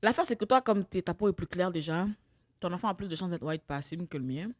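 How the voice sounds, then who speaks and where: A Québécois woman co-hosting a relaxed podcast conversation, talking at a rapid clip. Her delivery is emphatic and lively, as if she is telling a story to a friend. The sound is dry and close. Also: lowish voice, no room sound. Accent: Québécois French. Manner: emphatic, animated storytelling with bursts of loud laughter. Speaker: podcast co-host. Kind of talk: casual chat.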